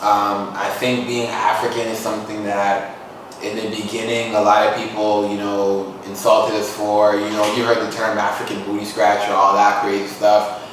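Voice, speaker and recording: A young Toronto man, a musician and poet, chats about his life as a podcast guest in an earnest, reflective way, with street-casual phrasing. His lowish voice is flat and moderately paced. The casual interview was recorded in an echoey room, far from the mic, with background noise.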